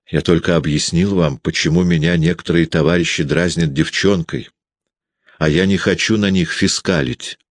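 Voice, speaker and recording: A man's voice: sits low, steady tone, normal speed, no echo, clean studio sound. A man voicing a shy but stubborn teenage schoolboy. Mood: defensive.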